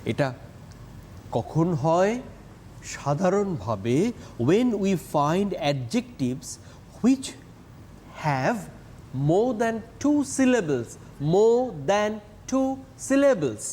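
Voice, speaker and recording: A man's voice: high-pitched, sing-song, very slow, darkish tone, slight background noise. A male teacher, giving a TV lesson on English grammar and stressing his words and syllables. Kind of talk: TV classroom lesson.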